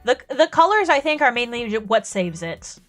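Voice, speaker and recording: A young woman streamer chatting casually while drawing, excitable and quick to laugh, fighting off a cold. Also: on the high side, soft background music. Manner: excitable, gushes and laughs a lot. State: coming down with a cold, coughing.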